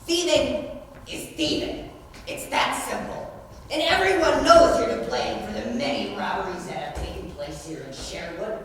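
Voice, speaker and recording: A teenage woman playing a pompous, blustering sheriff who is indignant at outlaws, in a high school stage play. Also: animated, normal speed, natural voice. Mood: accusing. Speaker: student actor. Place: school stage or auditorium, indoors. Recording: distant mic, very echoey noisy hall.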